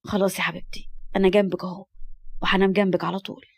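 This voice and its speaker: A woman voicing a firm, protective young man in a lowered voice, with an Egyptian accent. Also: fairly even intonation, very fast, natural voice. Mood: tender. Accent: Egyptian Arabic.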